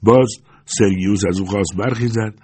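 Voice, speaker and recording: A male audiobook narrator reads a novel aloud in steady, measured storytelling. His voice sits fairly low and carries a husky, breathy texture. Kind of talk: scripted narration.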